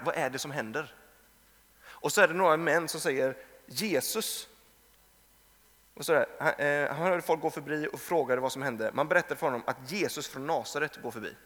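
A man's voice: fairly high pitch, pushed and bright. A man in his thirties, a pastor, preaching a conversational sermon and acting out the voices in his stories. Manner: conversational storytelling, acts out quoted voices. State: tired from little sleep. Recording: long reverb from a hall.

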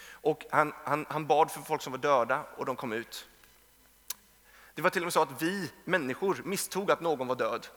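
Gravelly-voiced man preaching in a reverberant hall. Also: a little high, sharp tone. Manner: conversational storytelling, acts out quoted voices. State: tired from little sleep. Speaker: pastor. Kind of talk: sermon.

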